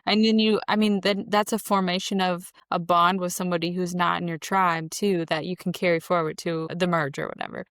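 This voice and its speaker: Lowish gravelly woman podcaster, chatty and opinionated, dry close sound. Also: level tone, fairly quick, few pauses, fairly bright tone, no echo. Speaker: podcast co-host. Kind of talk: casual chat.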